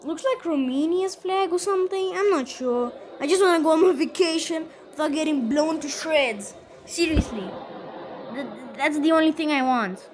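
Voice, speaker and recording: A woman's voice: high-pitched, moderate pace, a little hiss or hum. A woman giving casual, rambling gameplay commentary, exasperated and talking straight to her viewers. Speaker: gaming channel host.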